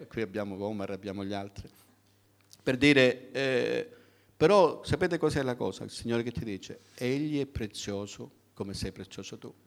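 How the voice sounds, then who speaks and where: A middle-aged preacher gives a sermon to his congregation in a mid-range voice. He speaks conversationally and directly, asking frequent rhetorical questions and pausing so listeners can respond.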